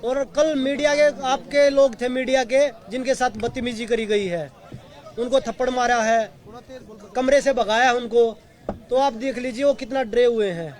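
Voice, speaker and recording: A man's voice: very high voice, steady tone, normal speed. A man at a sit-in protest speaking urgently and accusingly to reporters. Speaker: protesting wrestler. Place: outdoor protest site. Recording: outdoor crowd noise behind.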